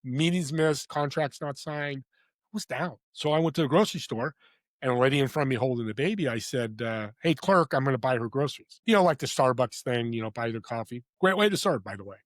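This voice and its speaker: A man's voice: medium pitch, fairly quick, dry recording. Heartfelt motivational man, dry close sound. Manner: animated and heartfelt, swings between loud emphasis and quiet, hushed moments. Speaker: podcast guest and podcast host. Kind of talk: earnest motivational storytelling.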